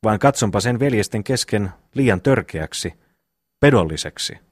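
A man reads out a sensible, level-headed brother in a storybook, who speaks in measured and moralizing phrases. The voice is low, and the recording is dry and close. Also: animated, dry recording. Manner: measured, sermonizing. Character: calm, wise, reasoning young brother.

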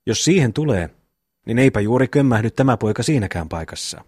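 A man reading an audiobook, voicing a hot-tempered, boastful young peasant brother with a husky voice. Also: medium pitch, animated, darkish tone, no room sound, clean studio sound. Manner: boastful, blunt storytelling. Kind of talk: audiobook reading of a classic novel.

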